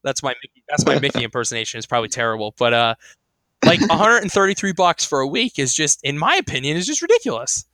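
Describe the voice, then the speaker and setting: A man's voice: mid-range voice, expressive, fast talker, bright, forceful tone, dry recording. A young man co-hosting a podcast in casual chat, rambling with lots of fillers and restarts. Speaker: podcast co-host.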